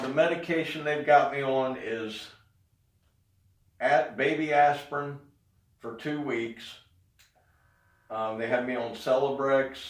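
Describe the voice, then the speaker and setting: Middle-aged man, casual vlog update, halting delivery, roomy echo, distant mic. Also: mid-range voice. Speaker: vlogger giving a health update. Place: indoors in an echoey room. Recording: echoey room, distant mic.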